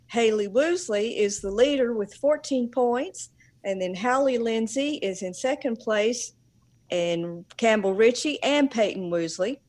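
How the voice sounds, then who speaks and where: A woman co-hosting a casual podcast, friendly and quick with comebacks. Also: fairly high pitch, a little mellow. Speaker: podcast co-host.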